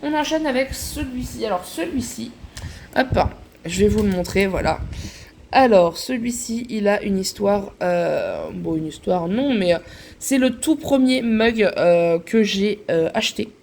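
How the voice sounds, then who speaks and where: Showing off her collection in a casual vlog, a woman chats away with plenty of fillers and little "hop" and "voilà" remarks. Her voice is medium in pitch with a darkish tone, and slight background noise can be heard.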